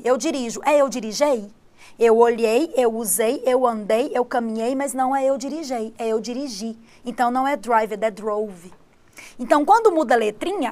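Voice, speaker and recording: Woman, English teacher, native Portuguese speaker, high pitch, lively live-stream lesson, slow clear English examples.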